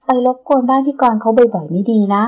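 A woman voicing a gentle, loving middle-aged mother who teases softly, in a storybook reading. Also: a little high, animated, quick pace, slightly rough. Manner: soft, teasing, warm-hearted. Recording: dull lo-fi recording.

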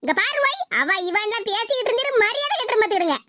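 A woman's voice: extremely high pitch, very animated, rapid-fire, pushed and bright, no room sound, exaggerated voice. A woman voicing a bold village woman with a Tirunelveli accent, defying and threatening a man in a cartoon. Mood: defiant. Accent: Tirunelveli Tamil. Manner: defiant, threatening. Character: bold village woman defending a runaway girl.

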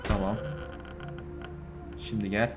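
A man giving casual let's-play commentary, talking to viewers and swinging from calm remarks to exasperated shouting at the game. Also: fairly low pitch, slow pace, soft background music. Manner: addresses viewers directly. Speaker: gaming YouTuber.

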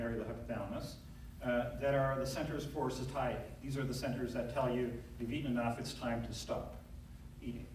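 A man's voice: medium pitch, a little hiss or hum. A middle-aged man, a neurosurgeon, giving a conversational conference talk from a lectern, telling a story with frequent fillers. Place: large lecture hall, at a lectern. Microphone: audience camera from far back. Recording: very echoey hall, recorded from far off.

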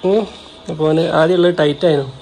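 A man's voice: on the high side, quick pace, a little mellow, slight background noise. A man chatting casually for a family vlog, often slipping into sing-song baby talk to coax a toddler. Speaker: family vlogger. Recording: background music over the voice.

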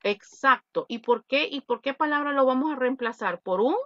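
A woman's voice: sits high, normal speed, no room sound, highs cut off. A woman English teacher with a Salvadoran Spanish accent, patiently explaining an online class and repeating her points.

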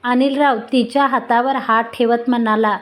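A woman storyteller reading a romantic story aloud at a steady, even pace. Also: fairly high pitch, moderate pace.

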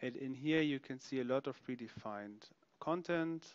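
A man narrating a software product demonstration, explaining features step by step as he clicks through them. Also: mid-range voice, normal speed, no echo, lo-fi sound. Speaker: software demo presenter.

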